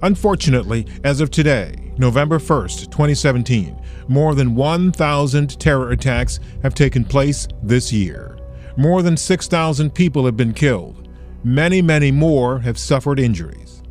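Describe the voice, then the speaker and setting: A man hosts in a deliberate broadcast style, pausing for emphasis between phrases. His voice sits at a medium pitch, with faint music behind it. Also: expressive, darkish tone. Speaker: podcast host and interviewer. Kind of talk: scripted narration and interview questions.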